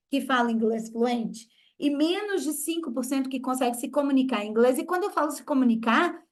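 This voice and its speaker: A woman from Brazil with a Minas Gerais accent, teaching an English masterclass with rhetorical questions and repeated key phrases. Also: sits high. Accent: Minas Gerais Brazilian Portuguese. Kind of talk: online masterclass lesson.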